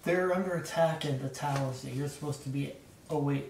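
A man's voice: medium pitch, a little fast, a little mellow. A man bantering casually as a player in a tabletop game. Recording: echoey, distant mic, faint noise.

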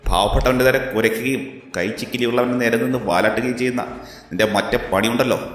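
A man's voice: lowish voice, brisk, a bit bright, close to an everyday voice. A man voicing a cool, defiant young man who answers with sarcastic, cutting retorts, recorded in an echoey room. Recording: echoey room with long reverb.

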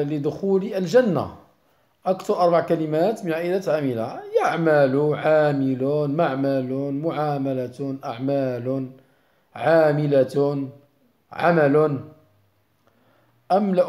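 A man's voice: fairly high pitch, mellow. A middle-aged man with a Moroccan Arabic accent, a primary school teacher going through a worksheet, mixing dialect with formal Arabic and hesitating often. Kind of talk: explaining a worksheet.

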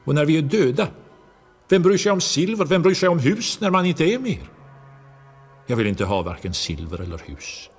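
A man reading a poem aloud and voicing a restless young man who speaks in a hushed, pleading way. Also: low-pitched, vocal fry, few pauses, slightly rough, faint music behind, full character voice. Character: young man longing to flee, restless, bewildered.

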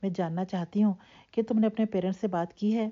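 A woman narrator voicing a young woman who speaks calmly and firmly to her family, on a dull lo-fi recording. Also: mid-range voice, natural voice. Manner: calm, firm, then helpless.

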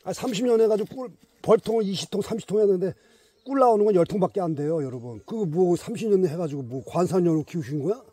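This casual outdoor vlog features a middle-aged beekeeper in a mountain forest, speaking emphatically to his bees and to viewers. His high, animated voice is dark in tone and slightly rough, and he talks fast. The recording is dry.

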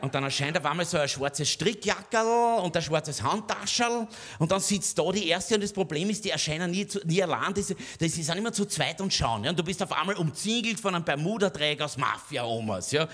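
A man's voice: on the high side, lively intonation, a little fast, fairly bright tone. A man with an Austrian accent performing a stand-up cabaret monologue, chatty and conspiratorial, with frequent tag questions. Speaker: cabaret comedian.

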